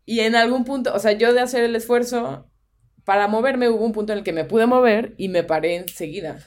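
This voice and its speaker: A woman's voice: fairly high pitch, fairly quick, darkish tone. A young woman with a Mexican Spanish accent, co-hosting a podcast and telling a spooky personal story in casual chat, dropping in English phrases. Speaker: podcast co-host.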